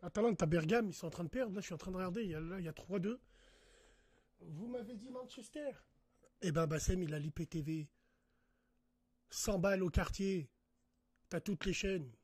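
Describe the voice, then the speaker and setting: Husky-voiced man ranting on a livestream. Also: high-pitched, normal speed, long pauses, a little mellow, no echo. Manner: talks straight to viewers, swears, worked up. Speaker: live streamer. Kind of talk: casual livestream rant.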